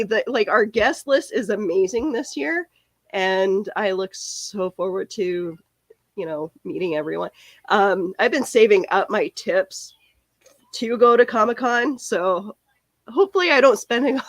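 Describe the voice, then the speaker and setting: A young woman with a cold, her voice cracking, hosts a casual live stream podcast, rambling and chatting as she answers viewer comments. Her voice is mid-range and her pace measured, with no echo.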